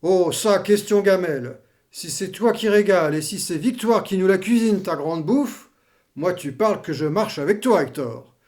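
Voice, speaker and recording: A man's voice: sits high, expressive, moderate pace, a little mellow. A man playing a grumbling, mocking old war veteran in a theatrical comedy, blustering in twisted colloquial slang.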